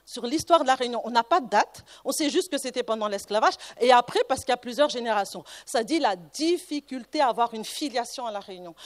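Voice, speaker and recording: A woman researcher giving a conference talk, telling a personal anecdote with digressive asides and frequent restarts. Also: high voice.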